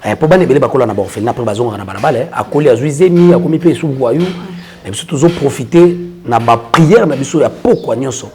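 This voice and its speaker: A man's voice: mid-range voice, expressive, fast, mellow, soft background music. A man, a church prophet explaining his work in an earnest casual interview. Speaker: church prophet and orphanage founder.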